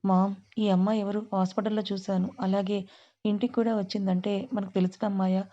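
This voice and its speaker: A woman reading the lines of a young adult man who speaks in a brisk, matter-of-fact way. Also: mid-range voice, level tone, mellow, lo-fi sound, lightly acted.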